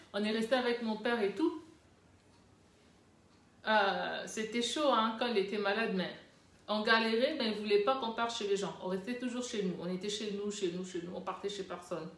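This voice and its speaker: A woman from the Democratic Republic of the Congo, a mother giving a heartfelt, rambling personal account of her family and repeating herself. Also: mid-range voice. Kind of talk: casual personal testimony. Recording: roomy echo.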